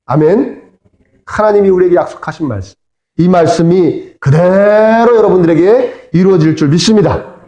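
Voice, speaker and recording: A male pastor preaching a sermon, animated, sometimes acting out the voices of figures from the story. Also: high voice, moderate pace, muffled recording. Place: church sanctuary. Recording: echoey church hall.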